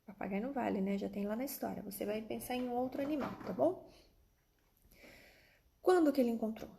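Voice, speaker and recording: A woman's voice: fairly high pitch, brisk, creaky, warm tone. A Brazilian woman teacher giving an online lesson to children, explaining step by step and often checking that they follow. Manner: addresses children directly with frequent checking tags and diminutives. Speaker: primary school teacher.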